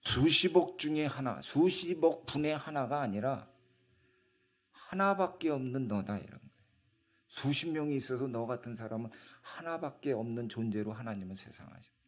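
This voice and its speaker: A male pastor preaches a sermon in church in a conversational way, often putting questions to the congregation. His voice is medium-pitched and a little fast.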